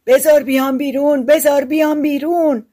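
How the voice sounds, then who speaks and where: A woman reading an audiobook, voicing a vengeful male spirit freed from a bottle that shouts threats and later pleads. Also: mid-range voice, lightly acted. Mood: muffled calling. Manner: loud and menacing, turns pleading.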